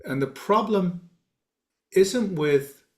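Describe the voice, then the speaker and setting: Measured man, meditation teacher. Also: sits high, expressive, darkish tone. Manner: measured, reflective, halting with fillers. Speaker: guiding teacher of a meditation community. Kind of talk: dharma talk Q&A.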